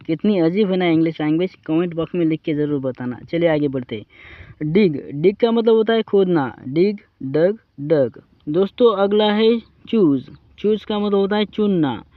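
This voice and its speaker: A man with an Indian accent teaching English vocabulary, reciting verb forms in a slow drilling way and addressing viewers as friends. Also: high voice, expressive, no echo, narrow, tinny audio.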